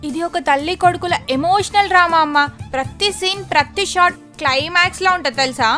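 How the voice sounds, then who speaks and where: A bossy young director who rattles off orders. Her voice is very high and bright, and she talks quickly. Faint music sits behind her. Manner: brisk, giving orders. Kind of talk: comic short film acting.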